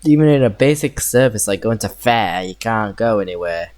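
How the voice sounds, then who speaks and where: A man's voice: fairly low pitch, animated, moderate pace, darkish tone. A man giving casual gameplay commentary, musing to himself as he goes. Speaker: gamer commentating on a train game. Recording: noisy game audio behind voice. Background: train and vehicle noise.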